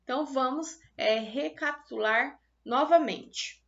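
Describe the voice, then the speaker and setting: A woman teacher with a Brazilian Portuguese accent giving a recorded lesson to children, slowly stretching out the syllables of example words. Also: high voice, vocal fry, a bit bright, lo-fi sound.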